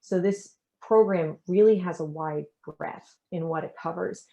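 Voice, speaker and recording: A low-pitched American woman hosts a webinar over a video call. Her voice is mellow and warm, and she talks eagerly and fluently, with frequent ums. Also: measured pace, vocal fry, poor audio. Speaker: executive producer and webinar host. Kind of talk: webinar presentation.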